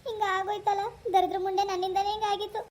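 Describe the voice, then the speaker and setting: A woman voicing a self-pitying, sharp-tongued village wife in a cartoon, lamenting and scolding. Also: very high voice, little pitch movement, quick pace. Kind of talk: Kannada cartoon voice acting.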